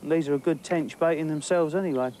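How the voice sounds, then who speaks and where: Fishing by a lake outdoors, a middle-aged angling presenter with an English accent talks fast in a slightly high, mellow voice. He narrates the nature around him to camera with chatty enthusiasm, thinking aloud and restarting a little. There's a bit of hiss or hum.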